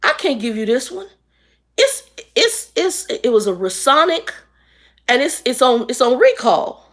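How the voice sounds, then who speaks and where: A woman's voice: high voice, very animated, measured pace, pitched above the performer's own voice, heavily acted. Woman voicing an older delivery guy, flustered, apologetic, rambling. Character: older male equipment delivery man, flustered.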